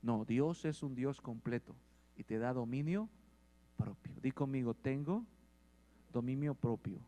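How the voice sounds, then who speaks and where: A man preaching a sermon, asking the congregation questions and growing louder at points. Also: mid-range voice, lively intonation, a little slow. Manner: asks the congregation questions and swells in volume. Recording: long hall reverb.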